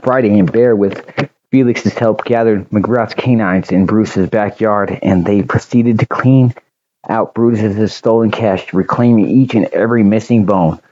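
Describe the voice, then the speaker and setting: Male storyteller, lowish mellow voice, measured reading, dull lo-fi sound. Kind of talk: storybook audiobook narration.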